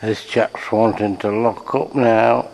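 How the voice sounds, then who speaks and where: An older man, walking city streets outdoors and muttering unhurried asides into his handheld camera. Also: fairly low pitch, steady tone, vocal fry, poor audio. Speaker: travel video maker. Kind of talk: casual on-the-spot commentary. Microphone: handheld camera mic. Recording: camera mic with loud traffic around.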